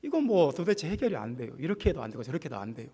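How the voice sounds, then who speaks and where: A man preaching a Sunday sermon as pastor, impassioned, swelling in pitch and volume as he drives points home. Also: big pitch swings, rapid-fire, warm tone, husky, big-room sound. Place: church sanctuary.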